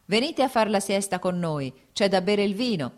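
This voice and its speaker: Woman reading as hearty bearded peasant man, loud, jovial, calling across a field, storybook voice. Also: medium pitch, expressive, moderate pace, pitched above the performer's own voice, natural voice.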